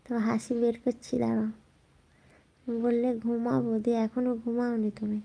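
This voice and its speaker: A woman hosting a casual late-night live chat, talking softly and answering viewer comments as they come in. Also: a little high, little pitch movement, normal speed, vocal fry. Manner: speaks softly so as not to wake sleeping family. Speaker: live stream host chatting with viewers.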